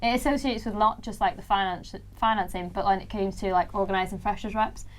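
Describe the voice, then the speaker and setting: Being interviewed casually in a studio, the young student union president-elect from Wales, in her early twenties, talks chattily and laughs often in a big voice. Her mid-range voice is steady and her pace brisk.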